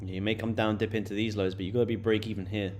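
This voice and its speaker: In a lowish, darkish voice with flat delivery, a late-twenties day-trading livestream host talks fast while chatting loosely with viewers, using many fillers and repeated words. A little hiss or hum sits underneath.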